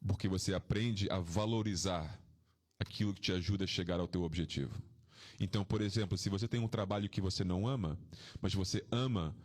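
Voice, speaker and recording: A man, a swami, gives an informal spiritual talk to devotees, reflective and anecdotal, with rhetorical questions and frequent dips into a soft, low tone. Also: fairly quick.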